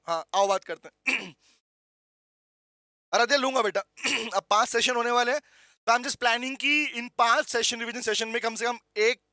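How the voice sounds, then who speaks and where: A man teaches law in a high, ringing voice. He is playful and chatty, often repeating key points to his students. The sound is close and dry, with no room around it. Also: sharp tone, no echo. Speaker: law lecturer. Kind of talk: online revision lecture.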